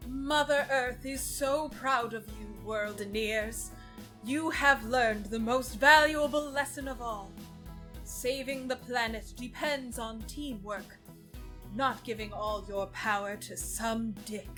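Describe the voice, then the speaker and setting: A woman's voice: on the high side, slow, sharp tone, soft background music. A woman voicing a proud, preachy, motherly Earth spirit in a cartoon parody, with lofty delivery.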